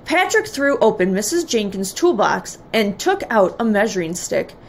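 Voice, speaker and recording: A woman teacher reading a picture book aloud to children in an expressive, measured way. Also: medium pitch, a little hiss or hum.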